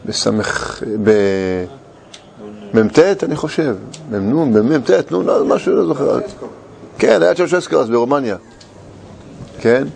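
Gravelly man telling a lively story. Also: medium pitch, a crowd in the background. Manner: animated, laughs through his own anecdote; halting, many restarts and searching for words. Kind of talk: casual personal storytelling.

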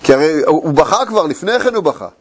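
A man teaching as a Torah teacher, retelling a tale in an expository lecture, animated and full of rhetorical questions and repeated phrases. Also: fairly high pitch, slightly rough.

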